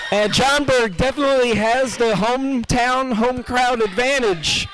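A man calling a wrestling match play by play, excitable and joking, with many fillers. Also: very high-pitched, a little slow, a crowd in the background, background noise. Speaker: play-by-play commentator. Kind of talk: wrestling commentary.

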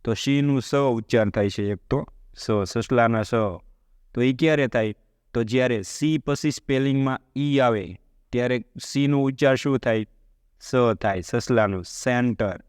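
A man with a Gujarati accent giving a spoken English lesson. His voice is smooth and resonant at a middle pitch, and the recording is close and dry. He explains patiently, one step at a time, and keeps asking his listeners questions. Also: fairly even intonation, moderate pace, a little mellow, no room sound. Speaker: English teacher.

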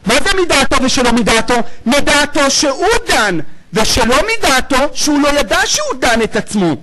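A man, a rabbi, giving an animated Torah lesson, acting out dialogues and quizzing his listeners. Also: very high voice. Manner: animated, acts out dialogues, asks the audience questions.

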